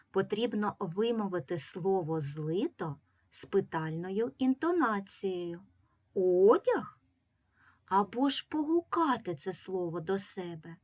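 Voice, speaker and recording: A woman teacher giving a reading lesson to young children, patiently sounding out words syllable by syllable. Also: fairly low pitch. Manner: slow, patient, drawing out syllables. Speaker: primary school teacher.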